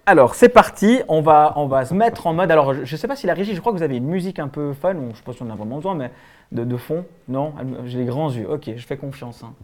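A man's voice: fairly high pitch, animated, quick pace, a little mellow. A man with a Swiss French accent hosting a live-stream talk show, rambling with many fillers. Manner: rambling, hesitant, lots of fillers. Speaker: host.

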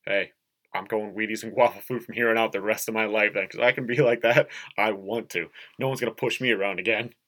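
A man with a slightly low voice chats about the games on a casual podcast. He jokes a lot and laughs at his own lines. He grew up in the Upper Midwest. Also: steady tone, a little fast, bright, forceful tone. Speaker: podcast co-host. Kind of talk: casual sports chat.

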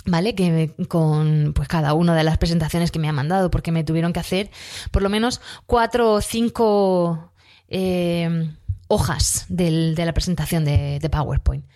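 A woman teacher with a cough, telling about a classroom project in a casual, animated and amused way. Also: fairly low pitch, normal speed. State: has a cough. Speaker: primary school teacher.

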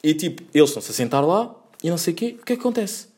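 A man's voice: a little high, very animated, very fast, a little mellow. A young man with a European Portuguese accent telling a casual storytime, rambling, slang-heavy and full of self-corrections and fillers. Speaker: vlogger.

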